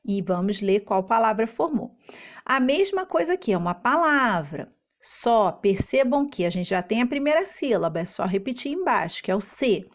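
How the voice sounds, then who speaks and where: A woman teacher patiently and slowly explains a homework lesson to young children in Brazilian Portuguese, sounding out syllables. Her voice is a little high, with big swings in pitch.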